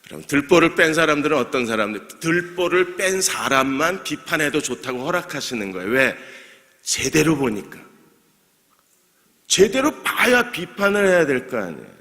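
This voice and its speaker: A man's voice: a little high, sharp tone. A male pastor preaching a midweek sermon, asking his congregation questions, answering them himself, and joking lightly with them. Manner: jokes lightly and laughs with the congregation. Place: church sanctuary. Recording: long church hall reverb.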